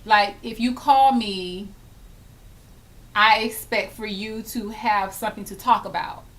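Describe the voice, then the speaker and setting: A woman's voice: mid-range voice, fairly even intonation, unhurried, fairly bright tone. A woman in her thirties, a hair vlogger, chatting casually and emphatically while acting out little scenes. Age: 30s. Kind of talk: casual chatty vlog tag.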